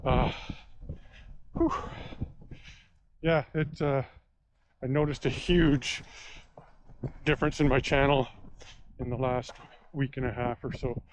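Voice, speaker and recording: A man's voice: mid-range voice, fairly even intonation, slow pace, pauses often. A man chatting casually to his vlog audience while out walking, talking into strong wind on a camera's built-in microphone. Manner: talking into strong wind, with throat-clearing and puffing. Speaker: vlogger testing camera microphones. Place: outdoors by a river in strong wind. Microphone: built-in action camera microphone.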